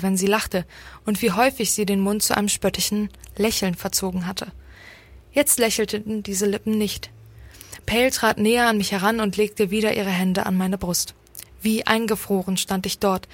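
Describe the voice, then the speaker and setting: A woman reading a first-person story aloud in a calm, measured way. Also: mid-range voice, no room sound. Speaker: story reader. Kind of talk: scripted story narration.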